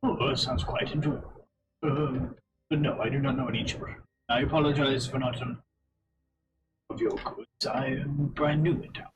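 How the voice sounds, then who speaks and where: A man speaking over a bad online connection that keeps breaking up, his voice faint and buried in steady noise from a faulty mic. He talks at a middling pitch with a polite, hesitant manner and plenty of fillers. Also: normal speed, long pauses, distant mic. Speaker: tabletop game player. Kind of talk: casual in-character roleplay over voice chat. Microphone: faulty computer mic on voice chat. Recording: noisy, faint voice-chat line.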